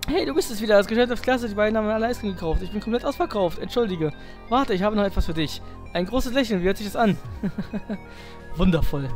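A man's voice: high voice, expressive, quick pace, faint music behind. A man voicing a cheerful male ice cream vendor with upbeat salesman patter. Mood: cheery.

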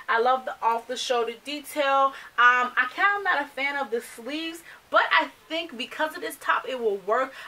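A fashion vlogger in her thirties with a fairly high voice chats to camera in a small bedroom full of clothes and accessories. She is from the United States, speaks English as a second language, and is chatty and animated, gesturing as she goes. The audio is low quality and recorded from a distance.

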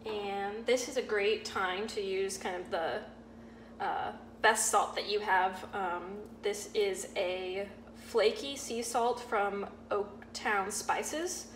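A young woman, a sous chef, explaining a cooking demonstration step by step in a relaxed way, with frequent ums. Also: medium pitch, slow pace. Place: home-style kitchen, indoors. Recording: echoey kitchen with audible background noise.

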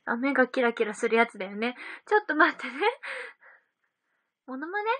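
Giggly high-voiced young woman livestreaming. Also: big pitch swings, moderate pace, pushed and bright, dry recording. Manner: giggly, chatty, reacts to comments. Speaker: idol livestream host. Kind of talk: casual livestream chat reading comments.

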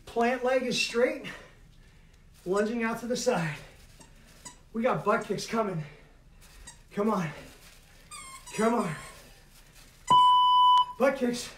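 A middle-aged man leads a workout as an aerobics instructor, urging people on in short calls. His voice is pitched high for a man. It is picked up from well across the room, with clear noise in the recording. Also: takes it slowly, pauses often. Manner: urging, motivating, calling out over exertion. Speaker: fitness instructor leading a home workout. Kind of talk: aerobics instructor calling out moves. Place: carpeted living room at home. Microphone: camera several metres away. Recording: echoey room, distant mic, noisy.

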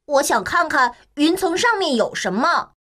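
A woman's voice: high-pitched, very animated, moderate pace, bright, forceful tone, voice pushed up, heavily acted. A woman voicing a curious, plucky little boy in a children's story, speaking eagerly. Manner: eager, wide-eyed childlike chatter.

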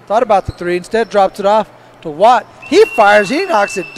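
Male play-by-play caller, high voice, faint hiss behind. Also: expressive, normal speed. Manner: narrates each pass and shot in turn. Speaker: play-by-play commentator. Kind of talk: basketball play-by-play commentary.

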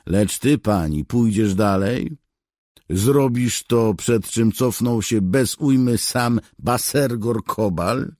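A man voicing an exasperated, blunt soldier who argues loudly in an audiobook. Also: medium pitch, a little slow, no echo, clean studio sound, voice pushed up, close to an everyday voice. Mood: arguing. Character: angry male soldier, a blunt decurion. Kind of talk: audiobook character voice.

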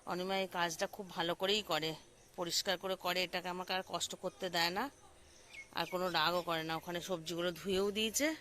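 A woman's voice: lowish voice, steady tone, fairly quick, sharp tone, slight background noise. A middle-aged woman hosting a casual home vlog from her kitchen, chatty and keeps asking viewers questions as if they were friends. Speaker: vlogger host. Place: home kitchen and dining room.

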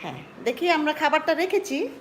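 A woman's voice: high voice, sing-song, brisk, background noise. Chatty woman coaxing her cats. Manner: coaxing baby talk to pets, chatty asides to viewers. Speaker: vlogger talking to her cats. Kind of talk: casual live vlog chat. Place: home indoors by a sliding glass door.

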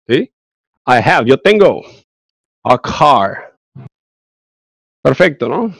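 A man's voice: medium pitch, very animated, drawn-out words, vocal fry, a bit bright, no room sound, clean studio sound. A male English teacher with a Mexican Spanish accent, giving an online class and explaining grammar step by step with frequent check-ins.

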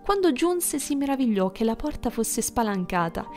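A woman narrating an audiobook fairy tale in a gentle storytelling manner, with soft music behind. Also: on the high side, sing-song, moderate pace.

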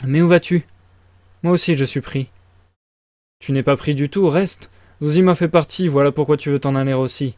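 A man's voice: on the high side, steady tone, moderate pace, a little mellow, no room sound, studio quality, close to an everyday voice. A man reading aloud and voicing a feverish, irritable young student who speaks in abrupt, agitated bursts. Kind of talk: audiobook reading.

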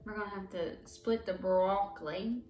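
A woman's voice: mid-range voice, steady tone, moderate pace, mellow. A young woman hosting a casual vlog, chatting and reacting with squeamish disgust as she tastes candy. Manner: chatty, squeamish, laughs easily. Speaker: vlog host. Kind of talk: casual chat while taste-testing candy. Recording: roomy sound from a distant mic, faint music.

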